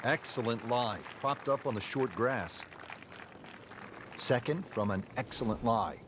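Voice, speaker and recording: A man giving golf commentary as the play-by-play announcer, in measured, declarative calls with short phrases. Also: mid-range voice, close to an everyday voice. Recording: noisy, with crowd behind.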